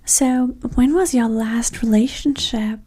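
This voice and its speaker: Taking her time, a woman with a fairly high voice acts out an ASMR scenario as a conceited, flirty date. She keeps it soft and often whispered, coming across as breathy, sassy and condescending.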